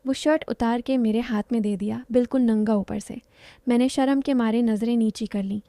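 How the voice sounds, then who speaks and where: A young woman narrating an emotional first-person story in a soft, heartfelt, confiding way. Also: a little high, fairly even intonation, normal speed, no room sound.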